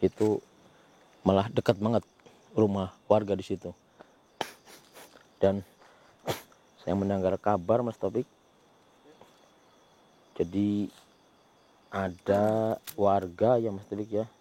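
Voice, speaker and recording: A man hosting a ghost-hunting vlog outdoors near a village, talking in a hushed voice to his companion and muttering Islamic prayers. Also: fairly low pitch, flat delivery, slow pace, pauses often. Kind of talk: hushed on-location narration.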